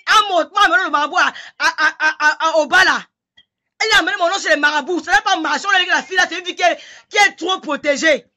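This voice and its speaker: A woman's voice: extremely high pitch, fast talker. Fiery Cameroonian woman ranting live. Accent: Cameroonian French. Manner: heated, insulting, shouting in bursts. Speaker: livestreamer. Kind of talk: angry live-stream rant.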